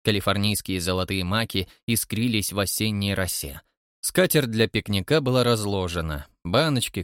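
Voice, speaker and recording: A man reading an audiobook narration in an even, measured way. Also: fairly low pitch, no room sound, studio quality. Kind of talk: scripted narration.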